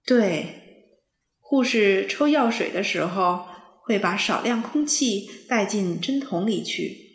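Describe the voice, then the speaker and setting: A woman voicing a calm, kindly rabbit doctor who patiently explains things to children. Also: mid-range voice, slow pace, echoey room. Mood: explaining.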